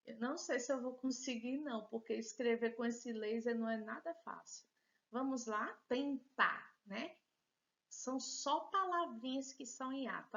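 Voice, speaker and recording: In a recorded remote class, a female teacher with a Brazilian Portuguese accent gives a patient, encouraging lesson and jokes about her own handwriting. Her voice is a little high and creaky, and the recording is muffled.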